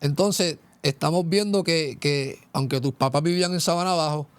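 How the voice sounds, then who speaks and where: Hombre presentador puertorriqueño, voz algo aguda. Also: male voice, on the high side, moderate pace, smooth, no echo. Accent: Puerto Rican Spanish. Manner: earnest, leading questions with "¿verdad?" asides. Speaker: host.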